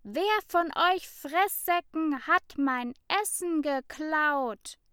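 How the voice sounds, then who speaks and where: A woman voicing a bossy, angry little schoolgirl who shouts and hisses accusations. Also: high-pitched, drawn-out words, no room sound, clean studio sound, pitched above the performer's own voice, full character voice. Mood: angry shouting.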